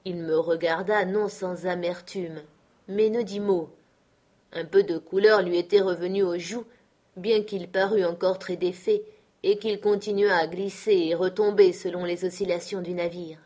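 A woman's voice: on the low side, steady tone, normal speed, dark tone. Woman reading an adventure novel aloud. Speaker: audiobook narrator. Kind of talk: scripted narration.

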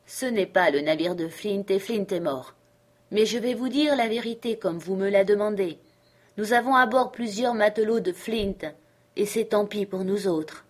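A woman reading out a young boy sailor, earnest and cautious, his replies plain and steady. He speaks as in a read-aloud adventure book. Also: mid-range voice, moderate pace, natural voice.

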